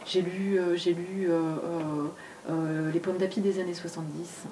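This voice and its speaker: A woman in her forties, raised in Argentina and France, speaking at a bookshop author talk, halting with many fillers and restarts. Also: lowish voice, little pitch movement. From grew up in Argentina and France. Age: 40s. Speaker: comic artist guest at a bookshop talk. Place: bookshop event. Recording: distant mic, faint room noise.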